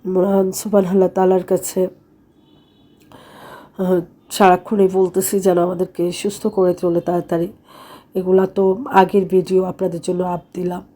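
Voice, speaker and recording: A woman's voice: fairly low pitch, monotone, moderate pace, pauses often, dark tone. A woman, a mother from Bangladesh, narrating her family's daily vlog in a plain, conversational way. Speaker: vlogger mother.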